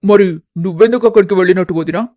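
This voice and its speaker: A man plays a worried young son in a cartoon family story, asking anxious questions. His voice is high for a man, in a dry, close recording. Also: racing, dark tone, dry recording, close to an everyday voice.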